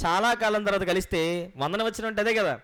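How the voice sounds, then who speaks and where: A man preaching a Bible sermon who asks his listeners questions and answers them himself. He explains word meanings slowly and repeats the key points. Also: high-pitched, a bit bright. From Andhra Pradesh, India.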